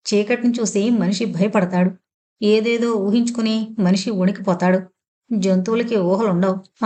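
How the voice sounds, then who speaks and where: A woman reading a horror audio novel in measured, suspenseful narration. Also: on the high side, a little mellow.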